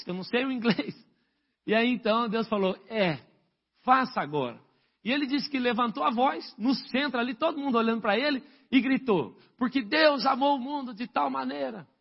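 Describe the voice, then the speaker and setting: A man's voice: extremely high pitch, slightly rough, highs cut off. A man, a pastor, preaching a sermon and telling stories animatedly, acting out the quoted dialogue. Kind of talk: sermon storytelling.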